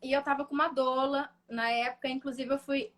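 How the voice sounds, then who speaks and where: A young woman, a guest in a live chat, telling a painful personal story in a halting, emotional way. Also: high-pitched, flat delivery, fairly bright tone. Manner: emotional, halting, full of fillers and restarts.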